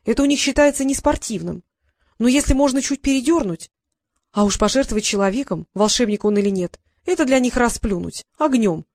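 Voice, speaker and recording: Lady doing a bossy little magic familiar, high and pushy, dry close sound. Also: lively intonation, a little fast, a little mellow, dry recording. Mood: scolding. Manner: scolding, insistent. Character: bossy small female magical familiar, worried.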